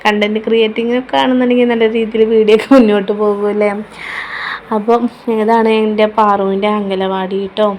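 This is a woman, talking casually to her viewers in a home vlog. Her pitch stays level with little rise or fall, and her tone is chatty and motherly. Faint background noise runs under the recording. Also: flat delivery, fairly quick. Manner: chatty, keeps adding a tag word, warm motherly advice. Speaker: vlogger.

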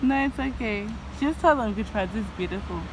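A woman's voice: fairly high pitch, animated, fairly quick. A young woman from Zimbabwe chatting playfully as she vlogs from a car and a shop on a handheld phone. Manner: playful, teasing banter. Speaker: vlogger. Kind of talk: casual vlog chat. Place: parked car, then a shop. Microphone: handheld phone camera. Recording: loud traffic and street noise.

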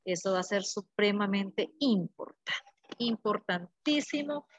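Fairly high-voiced woman teaching. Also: moderate pace, a bit bright, no room sound, muffled recording. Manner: explanatory, repeats key words, checks in with students. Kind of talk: online class lecture.

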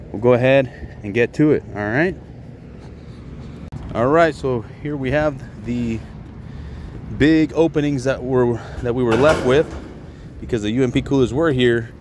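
An HVAC contractor walks through a job on a commercial rooftop, explaining things casually and plainly in an unhurried, mid-range voice with a darkish tone. The handheld outdoor recording picks up ambient noise.

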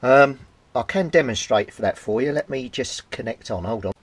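A husky, mid-range male voice at a moderate pace, recorded without echo: a British hobbyist at his home workbench indoors. He gives a casual, explanatory repair update, thinking aloud while working with his hands on equipment, vlog-style.

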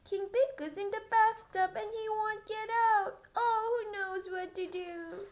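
A panicky young page boy, put on by a woman reading aloud, yelling for help in a piercing, very high voice. His shouts leap and wail all over the place. He sounds close to tears with alarm. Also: animated, takes it slowly, heavily acted. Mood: frantic. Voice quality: shrill, panicky.

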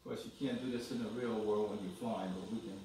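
A man casually talking through a landing in his home flight simulator cockpit, halting now and then with fillers, picked up by a camera behind him. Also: lowish voice. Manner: relaxed, halting commentary with fillers. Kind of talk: casual narration while flying a simulator. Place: dim room at home, seated at a DIY cockpit. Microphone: far camera behind him. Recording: echoey room, distant mic, faint hum.

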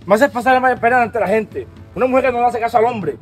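A man's voice: extremely high pitch, quick pace. A young man arguing insistently on a sunny street outdoors, scolding and repeating his demands. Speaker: vlogger husband. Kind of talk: staged street argument. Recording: loud music underneath.

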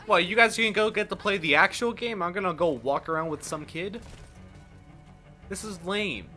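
A man's voice: sits high, normal speed, sharp tone, faint music behind. A man hosting a gameplay video with joking, sarcastic commentary, mock exasperation and exaggerated, overacted exclamations.

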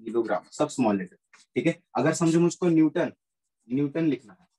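A man teaches physics in a blend of Hindi and English, repeating key points and checking that his students are keeping up. His slightly high, dark voice is lively and fairly quick, though the recording quality is low.

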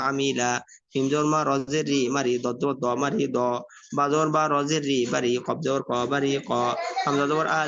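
A man with a Bangladeshi Bengali accent, teaching a reading lesson and spelling out syllables one by one in a slow, drilling way. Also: mid-range voice, fairly bright tone. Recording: dull lo-fi sound.

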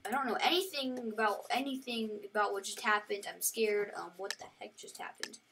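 A woman giving casual, excitable and rambling commentary while she plays a video game. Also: mid-range voice, a little fast, creaky, heavy background noise. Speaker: gaming commentator. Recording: voice set back from the mic over loud game music.

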